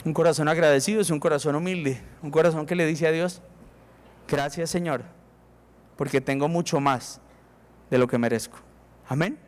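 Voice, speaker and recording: A man's voice: sits high, clear, resonant tone. A man with a Colombian accent preaching a sermon as pastor, emphatic and acting out prayers to God. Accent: Colombian Spanish. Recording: reverberant hall.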